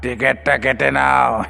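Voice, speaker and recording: An actor playing a sinister ghostly male bus conductor in a horror audio drama, taunting slowly and laughing. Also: medium pitch, a bit bright, exaggerated voice. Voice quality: gravelly, cackling laugh. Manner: slow, taunting, calls passenger babu. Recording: long reverb with background music.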